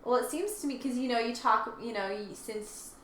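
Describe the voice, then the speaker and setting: A woman co-hosts a casual discussion, tentatively explaining her thoughts in a conversational way. Her voice is a little high and fairly bright, at a moderate pace, recorded in an echoey room with faint background noise.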